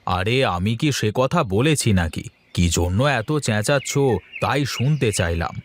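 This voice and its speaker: A man voicing an easygoing village farmer father in a cartoon, calm and indulgent toward his son. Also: lowish voice, normal speed. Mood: soothing. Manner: soothing, indulgent, good-humoured. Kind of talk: cartoon voice acting.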